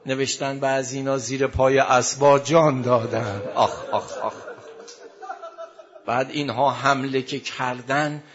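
A man's voice: medium pitch, little pitch movement, hardly any pauses, crowd noise. Man preaching a mournful lament, lo-fi. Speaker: religious preacher reciting a lament. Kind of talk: mourning sermon narration. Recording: dull lo-fi recording.

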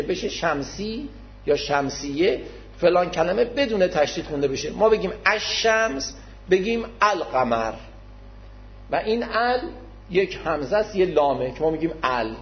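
A man giving an explanatory religious lecture, speaking patiently and formally to his listeners, repeating key words to make his point. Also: high-pitched. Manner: modest, addresses listeners formally. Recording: dull lo-fi recording.

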